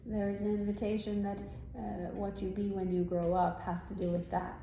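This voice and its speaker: A woman's voice: medium pitch, level tone, normal speed, muffled recording, natural voice. A woman speaking as a trance medium voicing a serene spirit guide, with stilted formal phrasing and frequent questioning tags, giving spiritual guidance at a live event. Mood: serene, instructive. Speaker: trance channeler answering audience questions. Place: indoor live event room. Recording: roomy live event sound, faint noise.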